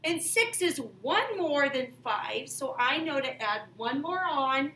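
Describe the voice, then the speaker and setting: A woman with a high, pushed, bright voice takes her time, animated as she shows children a math game step by step. Like a kids' show host, she piles on exaggerated exclamations; she's an elementary math teacher. Faint noise and room echo come through a distant microphone.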